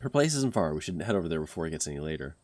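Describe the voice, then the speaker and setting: A man voicing a bold, curious young woman who talks briskly and with determination in a game. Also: a bass voice, big pitch swings, a little mellow, dry recording, pitched below the performer's own voice.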